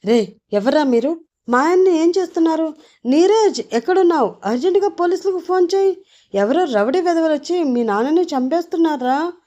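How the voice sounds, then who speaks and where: A woman voicing a frantic middle-aged wife who shouts and begs for her husband. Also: fairly quick, highs cut off, lightly acted. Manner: shrill, shouting, begging.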